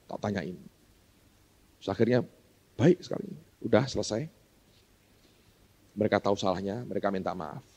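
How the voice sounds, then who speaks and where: A man's voice: fairly low pitch, warm tone, breathy edge. A male pastor telling a story in a sermon, chatting with the congregation and acting out both sides of a back-and-forth dialogue. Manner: conversational, keeps addressing the congregation as "saudara"; acts out both sides of a dialogue in a question-and-answer rhythm. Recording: dull lo-fi sermon recording.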